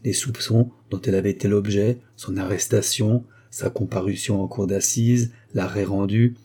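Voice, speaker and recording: A man narrates a classic novel as an audiobook, in a measured and expressive way. His voice is low and mellow, with a husky edge.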